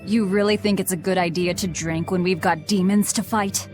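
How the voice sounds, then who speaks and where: In a video game cutscene, an actress voices a guarded young demon woman who devours her enemies, speaking curtly and coldly. Her voice is lowish and steady, near an everyday sound, at normal speed over soft background music.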